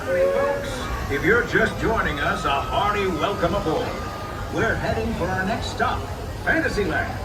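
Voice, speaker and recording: A folksy, cheerful western railroad conductor, calls to passengers like a showman in theme park ride narration. The voice is high and swoops with animation, heard from distant train speakers. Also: wildly swooping pitch, unhurried, full character voice. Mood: hearty, welcoming. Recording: on-board train speakers, distant, music underneath.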